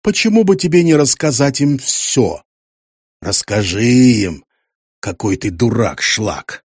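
A man's voice: medium pitch, lively intonation, slow, breathy edge, dry recording, clean studio sound. A man voicing a menacing male museum keeper with a gun, who growls and hisses mockingly, in an audiobook.

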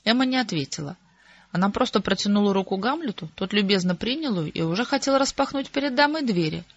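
An audiobook narrator reading a story in a wry, even storytelling manner. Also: mid-range voice, quick pace, highs cut off.

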